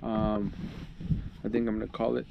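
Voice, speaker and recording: A man's voice: lowish voice, little pitch movement, moderate pace, creaky, narrow, tinny audio, heavy background noise. Laid-back man narrating a fishing vlog. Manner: laid-back, rambling with fillers. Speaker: fishing channel host. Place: outdoors on a boat on a lake.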